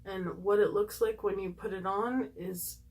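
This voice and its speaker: A woman with a slightly squeaky voice giving a casual, chatty makeup tutorial, gushing and emphatic as she thinks aloud to her viewers. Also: steady tone, a little slow, darkish tone.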